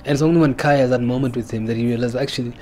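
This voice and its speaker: A man's voice: medium pitch, fairly even intonation, rapid-fire, a little mellow, a little hiss or hum. A male actor in a behind-the-scenes interview, earnest and reflective, with many "you know"s.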